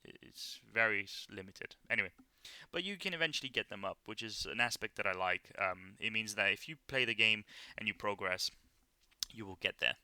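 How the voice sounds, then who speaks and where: A man's voice: on the low side, brisk, pushed and bright, clean tone, dry recording. A man casually talking through a mobile game overview, rambling with many fillers and restarts. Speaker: gaming YouTuber.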